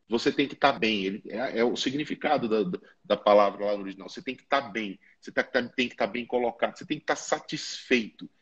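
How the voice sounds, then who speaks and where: Husky pastor, earnest teacher. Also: male voice, mid-range voice, lo-fi sound. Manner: earnest, explaining step by step. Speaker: pastor and musician. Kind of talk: teaching in a conversation.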